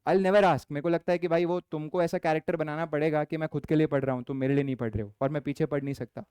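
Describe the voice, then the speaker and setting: A young male lecturer, his voice smooth and clear and pitched a little high. He mixes Hindi and as he teaches, talking firmly to the class and slowing down to read exam questions. The sound is dry and close, with no room echo. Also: steady tone, warm tone. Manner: Hindi-English mix, firm scolding, reads questions aloud slowly. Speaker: commerce lecturer.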